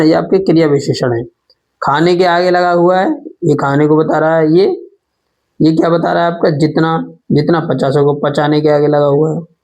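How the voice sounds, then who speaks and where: A man's voice: on the high side, darkish tone. A man teaching a grammar lesson, asking questions and then answering them himself. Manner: repeats "ठीक है" often.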